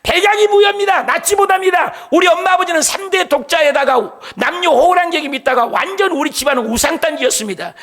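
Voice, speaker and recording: High gravelly-voiced preaching man. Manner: impassioned, shouting testimony. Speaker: pastor. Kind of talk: sermon.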